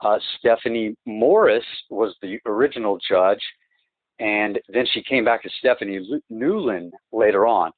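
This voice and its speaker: Halting man over a tinny phone line. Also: lowish voice, no echo. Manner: halting and rambling, many restarts and repeated words; insistent, emphatic complaints. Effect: heard through a phone line. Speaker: client on a phone call. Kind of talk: phone conversation.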